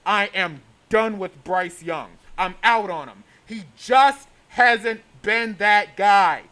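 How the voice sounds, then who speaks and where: A man's voice: high-pitched, sharp tone. A man hosting a sports vlog, delivering an opinionated rant in an exasperated, emphatic way. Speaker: sports show host.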